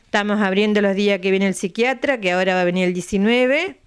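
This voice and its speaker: A woman's voice: mid-range voice, fast. An older woman with an Argentine accent, president of a retirees' center, chatting in a local TV interview at home into a handheld mic, repeating dates patiently. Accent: Argentine Spanish. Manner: chatty, repeats dates and tags lines with a questioning aside. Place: living room at home. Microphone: handheld mic held by interviewer.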